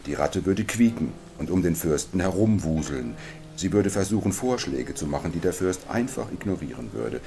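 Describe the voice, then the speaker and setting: A man narrating a first-person fantasy audiobook in a calm, measured way. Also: deep voice.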